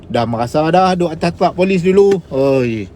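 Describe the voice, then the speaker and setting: Chatty Kedah-accented man, slightly high. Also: lively intonation, normal speed, mellow, slight background noise. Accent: Kedah Malay. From Kedah, Malaysia. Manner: chatty, rambling, slips into dialect. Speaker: live-stream storyteller. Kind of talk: casual live storytelling. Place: inside a car while driving. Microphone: phone live stream.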